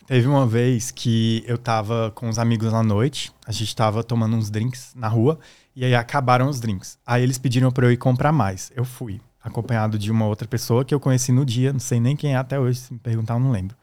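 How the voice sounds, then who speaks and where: A man's voice: medium pitch, fairly even intonation, a little fast, darkish tone. A man, a guest musician, telling a personal story in a casual way and acting out the voices of the people in it. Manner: acts out the voices in his stories.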